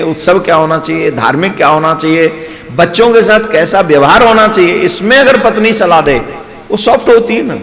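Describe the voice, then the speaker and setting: Male preacher, braj-ish hindi accent, highish voice, echoey hall w/ faint music behind, storytelling sermon w/ jokes. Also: a bit bright. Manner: storytelling with playful asides to the audience. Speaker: spiritual preacher. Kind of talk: devotional katha sermon.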